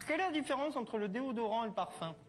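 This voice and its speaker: An actor playing a childishly persistent, nosy neighbor in a comedy sketch, loud and clownish, on old tape audio. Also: male voice, lively intonation, rapid-fire, soft background music. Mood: pestering. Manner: loud, clownish, swoops high to low. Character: pestering, nosy middle-aged male neighbor, childishly persistent.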